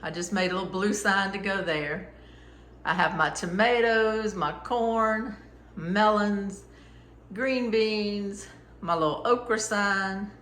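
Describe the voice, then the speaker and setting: Bright-voiced woman, proudly happy home tour. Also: mid-range voice, slow, echoey room. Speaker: vlogger showing her farm store. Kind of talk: casual home tour narration.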